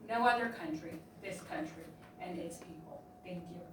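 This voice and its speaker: A woman's voice: lowish voice, normal speed, noisy background. A woman from Romania giving emphatic, at times sarcastic public testimony at a hearing. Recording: echoey hearing room from far off.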